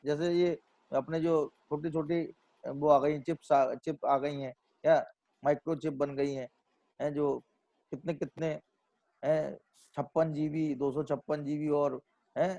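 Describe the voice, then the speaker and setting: A man delivers a scripture lecture in a voice a little higher than most men's. He reasons aloud and keeps posing rhetorical questions, then answers them himself. He returns to the same phrases as he builds his explanation. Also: warm tone. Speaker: Jain scholar lecturing on scripture.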